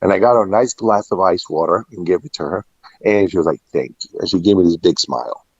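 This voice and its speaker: Deep-voiced and slightly rough, this middle-aged man talks fast while recounting his restaurant and catering career in a relaxed interview. He reflects through anecdotes and frequently quotes past exchanges. The audio is muffled and echoey, captured in a room.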